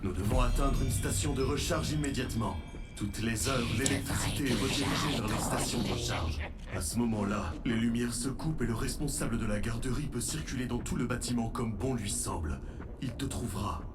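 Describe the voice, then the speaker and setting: A man voicing a protective, polite animatronic robot in a video game, speaking in formal, earnest, measured explanations. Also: medium pitch, far from the mic, loud music behind the voice, natural voice. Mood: grave, instructive.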